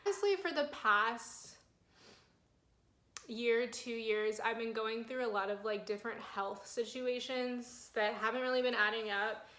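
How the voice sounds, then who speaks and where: A woman's voice: a little high, unhurried, pushed and bright. Young woman, 20s, candid phone vlogger, emotional and rambling, echoey room sound. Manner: flustered, fighting back tears, filler-heavy. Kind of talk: personal health vlog. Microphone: phone camera mic.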